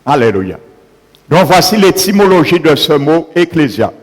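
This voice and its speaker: A man's voice: fairly high pitch, very animated, normal speed, slightly rough. A man preaching a sermon, punctuating his points with repeated calls of alleluia. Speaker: pastor. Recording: long hall reverb.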